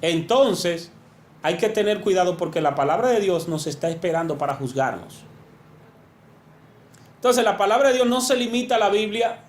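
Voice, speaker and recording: High-voiced man preaching in an echoey room. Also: expressive, moderate pace, pauses often. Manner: earnest, emphatic preaching with rising and falling pitch. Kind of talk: sermon.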